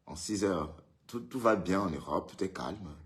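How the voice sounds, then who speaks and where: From his home somewhere in Europe, a man hosts a casual live stream in a deep, animated voice at a moderate pace. He greets viewers by name and teases them chattily.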